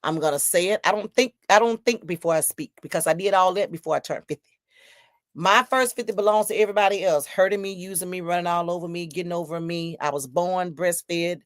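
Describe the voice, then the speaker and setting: Low-voiced woman in her fifties. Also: fairly quick, no echo, clean studio sound. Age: 50s. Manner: emphatic, preachy storytelling with repetitions. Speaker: podcast host. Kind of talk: solo podcast talk reading viewer comments.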